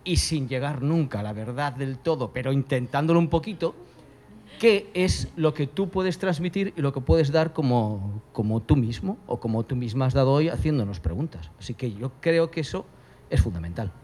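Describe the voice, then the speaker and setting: A man speaking as a journalist on a panel, thoughtful and self-deprecating, with hesitant pauses. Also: mid-range voice, lively intonation, darkish tone. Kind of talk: panel talk.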